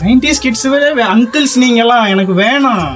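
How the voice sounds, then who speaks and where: A woman's voice: a little high, a little fast, over music. A young woman acting in a comedy sketch, bossy and scolding.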